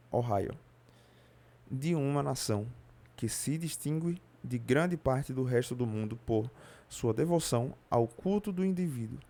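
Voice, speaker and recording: Man, Brazilian Portuguese accent, mellow dark voice, nonfiction audiobook reading, steady pace, occasional self-corrections. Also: mid-range voice. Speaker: audiobook reader.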